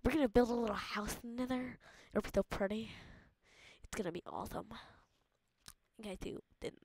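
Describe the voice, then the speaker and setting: A woman's voice: fairly high pitch, a little fast, darkish tone. A woman giving playful, jokey let's-play commentary, mock-dramatic and often dropping into a whisper. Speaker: gamer.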